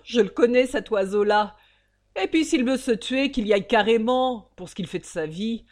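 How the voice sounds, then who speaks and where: A woman voicing a greedy, irritable older male banker who rants loudly and scornfully in a storybook reading. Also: fairly high pitch, sing-song, a little slow, pitched above the performer's own voice. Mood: ranting. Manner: loud, ranting and scornful.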